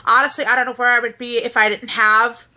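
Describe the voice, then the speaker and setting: A woman's voice: a little high, level tone, quick pace, sharp tone. A woman in her twenties chatting casually, reading out questions and answering them. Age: 20s. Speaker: co-host. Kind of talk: casual chat.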